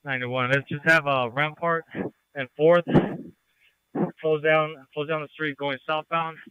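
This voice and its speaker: A man's voice: fairly high pitch, level tone, unhurried, clean tone, no room sound. A male police officer giving clipped, directive status reports from the field over a police radio. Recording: dull lo-fi police scanner radio.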